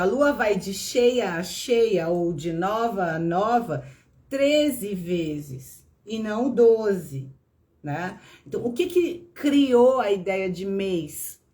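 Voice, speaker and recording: A woman's voice: medium pitch, darkish tone. A woman with a Brazilian Portuguese accent, a tarot reader and teacher who explains patiently on a live stream, often ending phrases with a questioning tag and greeting viewers by name. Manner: patient explaining, tags lines with "né?".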